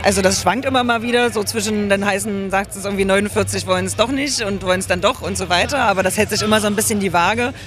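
A man speaking for a campaign in a street interview, relaxed and chatty, tagging his sentences with little questions. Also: sits high, fast, few pauses. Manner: relaxed and talkative, often adding tag questions. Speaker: campaign spokesperson being interviewed. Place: outdoors at a demonstration.

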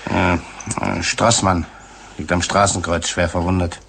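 A man playing a laconic, gruff corporal at a command post in a war radio play, speaking in an offhand way. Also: low voice, little pitch movement, unhurried, fairly bright tone, a little hiss or hum, heavily acted. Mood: wry, sober.

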